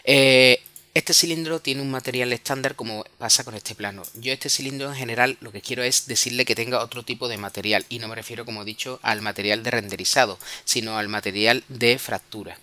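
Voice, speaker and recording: A man from Spain with a Spanish accent, explaining software step by step in a screen-recorded tutorial, often correcting himself and checking in with tag questions. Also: mid-range voice, brisk, no echo.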